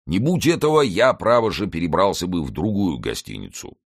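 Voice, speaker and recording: A man voicing Porthos, a pompous, self-satisfied stout nobleman who exclaims loudly. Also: sits low, big pitch swings, fairly quick, creaky, no echo, studio quality, pitched above the performer's own voice, full character voice.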